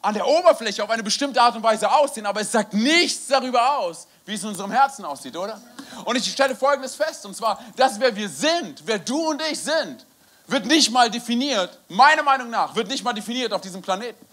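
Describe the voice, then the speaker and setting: A young man preaching a lively storytelling sermon, animated and laughing often, often dropping in "hey". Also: extremely high pitch, brisk. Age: young adult.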